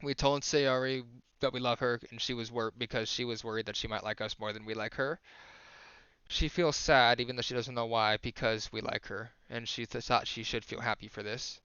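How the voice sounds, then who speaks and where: A man's voice: medium pitch, fairly even intonation, normal speed, pushed and bright, clean tone, no room sound, dull audio. A young man on a live stream reading a visual novel aloud, casual and self-correcting, who rereads lines to get the emphasis right.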